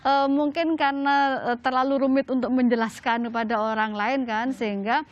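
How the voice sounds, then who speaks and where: A woman's voice: sits high, steady tone, moderate pace, lo-fi sound. A middle-aged woman, a religious teacher answering questions on a talk show, chatty and laughing often between many fillers. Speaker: Islamic religious teacher, guest.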